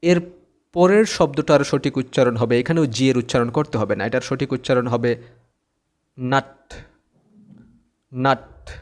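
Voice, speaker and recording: A man's voice: mid-range voice, brisk, darkish tone. A man teaching English pronunciation, patiently repeating each word twice. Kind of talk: slow-paced pronunciation lesson.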